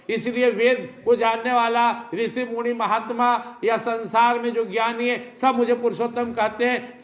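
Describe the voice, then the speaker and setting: A man's voice: very high voice, fairly bright tone, echoey room. A man giving a spiritual sermon, reciting Sanskrit verses and explaining them with rhetorical questions and repetition. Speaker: spiritual teacher.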